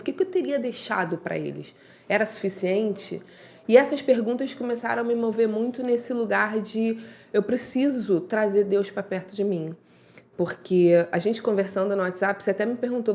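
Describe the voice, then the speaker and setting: A woman's voice: medium pitch, a little mellow. A woman guest telling her story in a heartfelt, reflective way, often acting out remembered lines of dialogue. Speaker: podcast guest.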